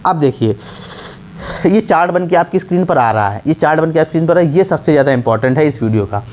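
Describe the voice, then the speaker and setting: A man's voice: fairly high pitch, animated, quick pace, a little mellow, a little hiss or hum. A man teaching typing in a casual, repetitive way, full of fillers and restarts, often checking that the listener follows. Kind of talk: casual spoken tutorial.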